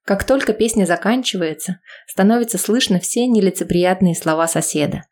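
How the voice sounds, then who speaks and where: A woman reading an audiobook with lively, expressive narration. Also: mid-range voice, moderate pace.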